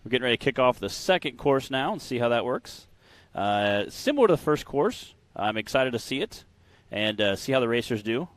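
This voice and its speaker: A young male commentator calling an off-road race live. He is playful and jokey, and his pitch swings a lot as he talks. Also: sing-song, brisk, no room sound. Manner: playful, jokey, drops to whispers for gags.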